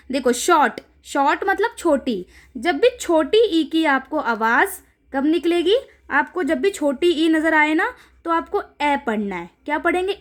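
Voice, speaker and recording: A woman's voice: sits high, a bit bright. A woman teacher giving a phonics lesson to young children, asking questions and answering them herself in a sing-song way. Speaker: primary school teacher.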